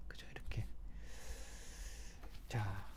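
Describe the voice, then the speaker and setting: A man's voice: extremely slow, whispered. A middle-aged man giving a recorded linguistics lecture, explaining step by step and often checking with students. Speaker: English linguistics professor.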